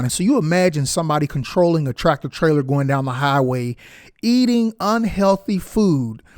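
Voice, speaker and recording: A man's voice: on the high side, a little mellow, no echo, clean studio sound. A man, talking earnestly and emphatically to his viewers like a preacher. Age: 50s. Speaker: health video host. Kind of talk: earnest casual talk to camera.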